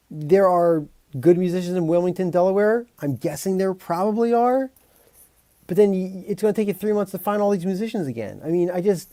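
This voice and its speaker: In a fairly high, mellow voice without echo, a composer on a live stream talks casually to his chat. He rambles, cracks jokes, restarts a lot, fills pauses and swears mildly.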